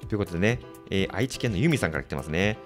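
A man's voice: low-pitched, lively intonation, racing, faint music behind. A man hosting a casual community radio show, joking, laughing and trying playful impressions.

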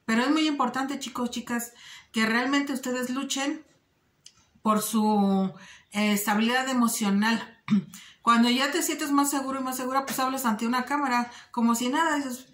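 A woman with a slightly high voice speaks earnestly to her viewers in a casual vlog. She talks directly to the audience and often stops on little fillers as she thinks. The room is noticeably roomy and echoey around her. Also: normal speed, a bit bright. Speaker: vlogger giving advice. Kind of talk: casual direct-to-camera talk.

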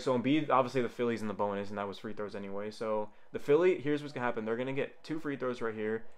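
Excitable man calling a live game. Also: mid-range voice. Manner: excitable, jumps to loud shouts on big plays; rambling, talks straight to viewers. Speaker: YouTuber reacting to a live game. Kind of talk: casual live play-by-play reaction.

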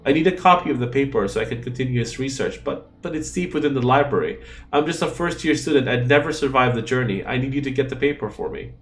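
A man's voice: mid-range voice, expressive, quick pace, natural voice. A man voicing a worried, eager young first-year wizard student in a fantasy game. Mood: anxious.

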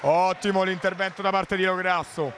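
A male futsal commentator with a high voice delivers excited, clipped play-by-play. His calls jump up for shots and goals. Clear indoor gym noise and ball bounces sit behind him. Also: normal speed, a faint crowd. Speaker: sports commentator. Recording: noisy indoor sports hall ambience.

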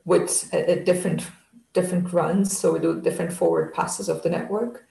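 A keynote speaker giving a technical lecture over slides on a video call, talking in a halting way with many restarts and fillers. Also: medium pitch, very animated, gravelly, warm tone, echoey room, low-quality recording. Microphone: video call webcam.

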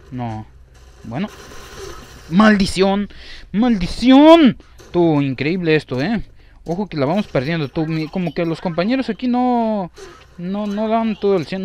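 Excitable young man. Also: a little high. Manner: excitable, exclaims and repeats himself. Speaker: gameplay commentator. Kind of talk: live gameplay commentary.

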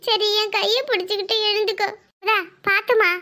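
A woman voicing a fussing, caring older village mother-in-law in a cartoon, speaking with a southern Tamil Nadu accent and giving orders fast. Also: very high voice, little pitch movement, bright, forceful tone. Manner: bossy, fast, scolding yet tender. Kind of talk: cartoon voice acting.

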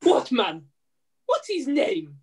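A woman acts out a high-pitched pantomime dame. She is a brash, long-suffering widowed mother, arch and given to exclaiming. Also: huge pitch swings, slow pace, darkish tone, breathy edge, heavily acted. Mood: nagging, incredulous. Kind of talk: amateur pantomime read-through. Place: room, on a video call.

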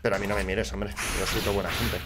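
A young man with an accent from Spain, commenting on his own gameplay, swinging between excited shouts and low muttering, swearing often. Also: fast, noisy background. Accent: Spanish from Spain. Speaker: gaming youtuber.

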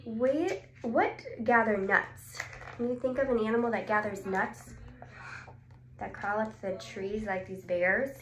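A speech therapist in her twenties with a mid-range voice reads a children's picture book aloud with lots of expression, exclaiming, posing questions and pausing before she answers them. She's in a small indoor clinic room, and the recording has a roomy echo with clearly audible background noise.

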